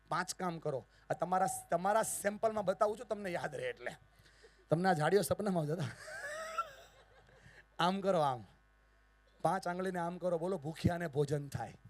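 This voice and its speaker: A man with a Surat Gujarati accent delivers a motivational speech to a large family gathering in a high, bright voice. He works the room with call-and-response, dropping to a near hush and then bursting out loud. The sound is dry and close to the mic. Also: no room sound. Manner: theatrical, call-and-response with the audience, big swings in loudness. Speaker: motivational speaker. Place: large hall with a live audience.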